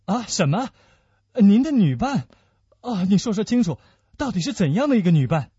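A man plays a desperate young swordsman in a radio play, pitched up high and urgent. His cries swing wildly from plea to plea. The sound is husky, muffled and dry. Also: very animated, normal speed, warm tone, no echo, exaggerated voice. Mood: frantic. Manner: urgent, pleading outcries. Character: young hot-blooded male swordsman, frantic. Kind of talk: Chinese radio-play acting. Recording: dull lo-fi dry recording.

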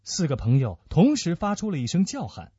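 A man's voice: a little high, a little fast, slightly rough, no echo. A man narrating a novel as a dramatic storyteller. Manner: expressive storytelling. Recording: dull lo-fi dry recording.

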